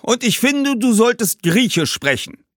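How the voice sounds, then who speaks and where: Man putting on a cheeky merchant ghost, high and pushy, storybook style. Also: very animated, unhurried, no echo, clean studio sound, exaggerated voice. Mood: bossy. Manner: bossy, teasing, raised voice.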